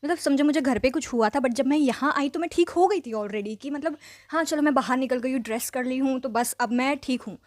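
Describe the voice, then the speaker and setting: Young woman, fairly high voice, chatty storyteller, English phrases mixed in, dry close sound. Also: fairly quick, no echo. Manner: chatty, animated, heavy use of fillers; mixes English phrases into speech. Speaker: vlogger. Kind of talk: casual storytelling.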